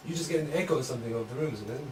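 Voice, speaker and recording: A man's voice: mid-range voice, very fast, heavy background noise. Eager percussionist man in an echoey studio. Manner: eager, repetitive, explaining. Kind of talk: casual studio chat. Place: recording studio room. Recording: echoey room, mic at a distance.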